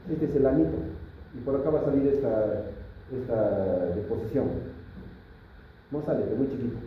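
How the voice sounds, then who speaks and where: A man, a pediatric doctor, giving a classroom lecture to students, asking them questions and telling stories from the emergency room. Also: medium pitch. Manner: lively, asks the class questions, tells clinical anecdotes. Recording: echoey, distant, tinny phone-like recording with faint noise.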